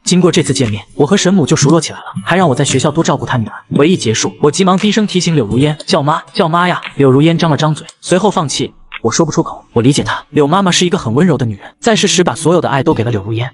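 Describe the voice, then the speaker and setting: A man narrates a romantic web novel in a scripted reading. His voice sits somewhat high for a man. He rushes through the lines at a very fast clip. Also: lively intonation. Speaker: story narrator.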